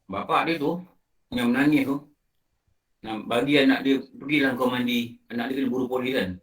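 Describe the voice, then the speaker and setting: A man with a Malaysian Malay accent giving an online religious lecture, telling stories and acting out scenes as he teaches. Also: medium pitch. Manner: animated storytelling, acting out film scenes. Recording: roomy and distant from the mic.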